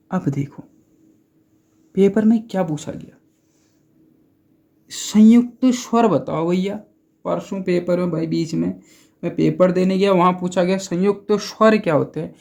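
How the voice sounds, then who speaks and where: A man's voice: a little high, creaky, a little mellow. A man teaching Hindi grammar in a casual exam-prep lesson, chatty, asking and answering his own questions and repeating key points.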